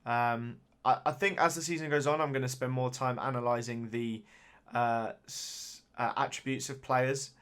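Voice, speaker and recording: A man's voice: medium pitch, steady tone, moderate pace, a bit bright, clear, resonant tone. Man musing over a football sim. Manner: musing, hesitant, with frequent fillers and restarts. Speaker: gaming YouTuber. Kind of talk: casual gameplay commentary.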